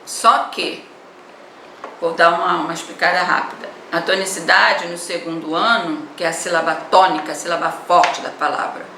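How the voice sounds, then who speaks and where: Brazilian teacher with a gravelly, echoey voice. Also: female voice, fairly low pitch, fairly even intonation, normal speed, sharp tone. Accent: Brazilian Portuguese. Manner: explanatory, repeats words and adds "né?". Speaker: primary school teacher. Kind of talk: online class lesson. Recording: echoey room, voice from a distance, faint noise.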